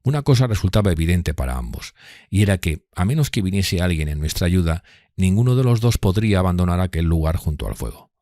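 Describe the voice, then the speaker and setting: A man narrating an audiobook in an expressive, measured storytelling manner on a close mic. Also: low voice, no echo.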